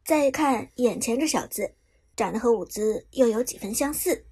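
A woman narrating a web novel audiobook with expressive storytelling. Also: on the high side, normal speed, breathy edge.

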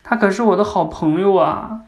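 A man's voice: high-pitched, normal speed, pitched above the performer's own voice, natural voice. A man voicing an upset little girl of four or five, speaking in an insistent, pleading way. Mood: wistful.

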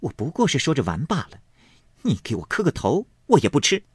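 A cheeky young maidservant from a storybook, voiced by a man, lifting high and bright. Her sentences are quick and mocking, full of sass. The sound is dry and close. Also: huge pitch swings, slightly rough, dry recording, full character voice. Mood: teasing. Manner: pert, mocking, quick-tongued. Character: saucy teenage girl servant, pert and teasing.

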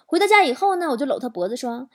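A woman talk show host, telling stories in an animated, exaggerated comic monologue. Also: high-pitched, fast talker. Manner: animated, exaggerated storytelling with swearing and laughter. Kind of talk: comedic monologue.

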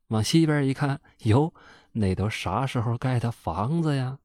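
A man narrating a folk ghost story in an animated, colloquial way. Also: medium pitch, a little slow, no room sound, clean studio sound.

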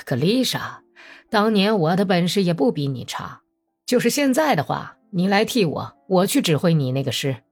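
A smooth, sly Cossack commander, performed by a woman narrator in a novel reading, coaxing his comrade along. His delivery rises and falls in a lively, persuasive way. Faint music hums underneath. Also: lowish voice, moderate pace. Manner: cajoling, persuasive.

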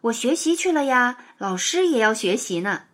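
A woman voicing a kind, cheerful young teacher in a children's storybook, speaking gently with a smile. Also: on the high side, very animated, normal speed. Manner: warm, gentle, smiling delivery.

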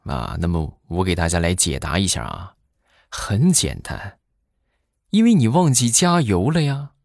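一位男士讲笑话，声音偏低但抑扬顿挫很明显，说话随意，像聊天一样。包袱总是拖长了慢慢抖出来，录音干净贴麦，几乎没有回声。. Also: male voice, low voice, big pitch swings, a little slow, creaky, a little mellow, dry recording, clean studio sound. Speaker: joke teller. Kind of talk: comic storytelling.

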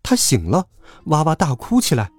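Man telling a lively children's story. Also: on the high side, moderate pace, husky, no room sound. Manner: lively, animated. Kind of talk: expressive children's story narration. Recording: dry close recording with faint music.

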